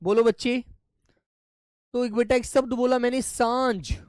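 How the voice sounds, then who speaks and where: Slow-spoken Hindi teacher drilling children. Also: male voice, extremely high pitch, steady tone, clean tone, no room sound, studio quality. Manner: repeats each word slowly, addressing children warmly as "pyare bachche". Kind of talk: live online class lesson.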